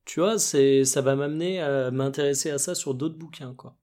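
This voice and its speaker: A man's voice: mid-range voice, normal speed, warm tone. A man co-hosting a casual podcast chat, talking informally with slang and thinking aloud.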